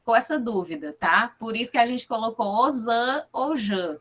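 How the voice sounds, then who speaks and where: A woman's voice: a little high, expressive, normal speed. A woman with a Fortaleza accent giving an academic presentation over a video call, explaining her research findings and checking in often with her listeners. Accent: Fortaleza, Ceará. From Fortaleza, Brazil. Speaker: guest lecturer, linguistics researcher.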